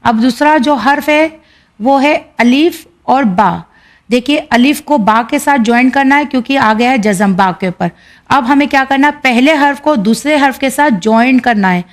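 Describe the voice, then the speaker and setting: A woman teacher with an Indian Urdu accent, patiently explaining a reading lesson and sounding out syllables slowly and clearly. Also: high-pitched.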